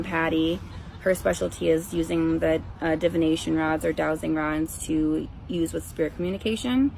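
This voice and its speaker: A woman's voice: fairly low pitch, creaky, rough recording. A woman ghost investigator talking casually to viewers, explaining in a rambling, conversational way. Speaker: ghost investigator presenting her team's recording. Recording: faint background noise.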